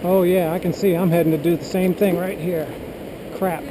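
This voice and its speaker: A man's voice: sits high, little pitch movement, normal speed. A middle-aged father kayaking on a river with his daughter, joking, apologizing and cussing a little as he paddles, recorded on an action camera on his kayak. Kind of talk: casual chat while paddling. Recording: outdoor river noise.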